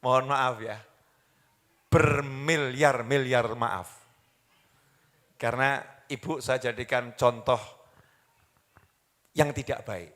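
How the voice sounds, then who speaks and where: In a hall with long reverb, a man delivers an Islamic sermon to a live audience, questioning listeners, repeating key words, and chanting Arabic quotations alongside Javanese phrases. His mid-range voice is steady and fairly bright, moving at a measured pace with frequent pauses.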